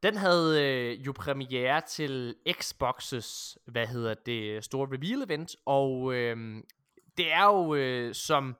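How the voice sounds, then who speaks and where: A man in casual gaming chat with friends, excitable and full of fillers and restarts. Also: mid-range voice, clear, resonant tone.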